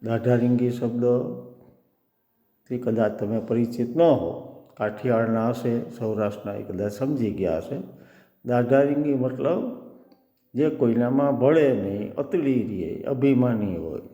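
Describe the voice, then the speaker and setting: Man telling a children's story. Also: mid-range voice. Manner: warm teacherly, explains words. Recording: echoey room with long reverb.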